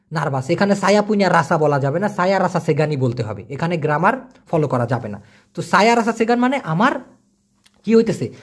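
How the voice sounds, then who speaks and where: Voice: mid-range voice, slightly rough. A language teacher gives a casual spoken vocabulary lesson. The teacher repeats each word to drill it and adds jokey, self-mocking asides.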